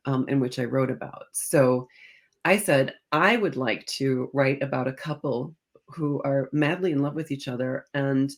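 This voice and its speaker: Appearing as a guest on an interview, a middle-aged historical fiction author speaks in a bass voice. She tells her stories in a conversational way, performing bits of the dialogue she recounts.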